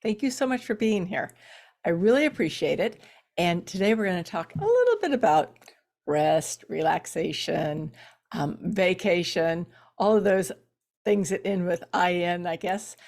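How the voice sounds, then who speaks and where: A middle-aged woman, a fitness coach, talking casually to viewers on a live stream with fillers and soft laughs, her voice slightly worn. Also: lowish voice, animated, a little slow. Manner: chatty, warm-up small talk with fillers and soft laughs. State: losing her voice.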